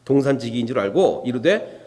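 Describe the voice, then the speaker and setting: A man's voice: mid-range voice, lively intonation, fairly quick, mellow. A male pastor preaching an expository sermon, asking the congregation rhetorical questions and acting out biblical dialogue. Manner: acts out biblical dialogue in shifting voices. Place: church sanctuary. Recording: long reverb from a church hall.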